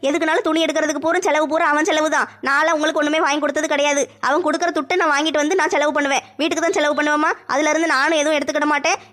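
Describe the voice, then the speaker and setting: A woman playing a firm older mother-in-law keeping peace in a family comedy skit, brisk and scolding. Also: high-pitched, little pitch movement, fairly bright tone.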